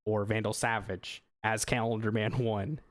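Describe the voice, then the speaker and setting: A man's voice: lowish voice, level tone, moderate pace, no room sound. A man narrating a tabletop game as game master, rambling through scenes with fillers and restarts.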